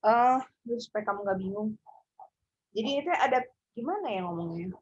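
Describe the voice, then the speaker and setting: Teaching English online, this woman frequently hesitates and thinks out loud, using many fillers. Her medium-pitched voice is expressive with a breathy edge and a moderate pace, heard through muffled, dry video call audio.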